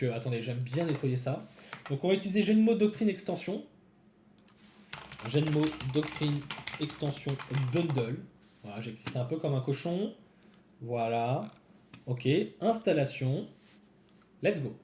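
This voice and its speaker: A developer streaming a coding session chats casually with his viewers, thinking aloud as he types. His voice is fairly high with a darkish tone. The sound is reverberant, with slight background noise.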